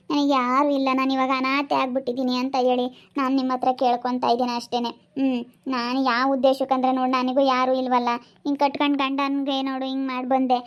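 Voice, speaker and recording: A high, flat-toned young woman, voiced by an actress, begs and repeats herself. She speaks with a steady, narrow pitch, and the home-made drama recording sounds dull and lo-fi. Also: lightly acted. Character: distressed young woman pleading to be trusted.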